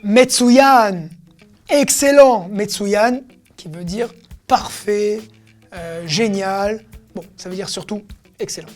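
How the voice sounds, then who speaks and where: A woman's voice: medium pitch, slow pace, long pauses, music in the background. A woman teaching everyday expressions in a casual lesson, explaining each word and acting out how it is said. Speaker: Hebrew teacher.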